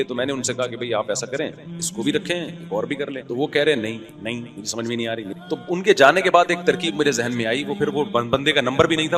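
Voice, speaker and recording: A man, giving a lively, colloquial, joking sermon. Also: mid-range voice. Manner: animated, colloquial, joking storyteller. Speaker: Islamic preacher.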